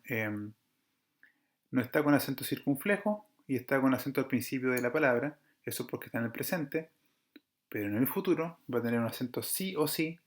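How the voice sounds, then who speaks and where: Patient man teaching over slides. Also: mid-range voice. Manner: patient, explanatory, checks in with listeners; corrects himself often. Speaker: Greek teacher. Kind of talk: online lecture over slides.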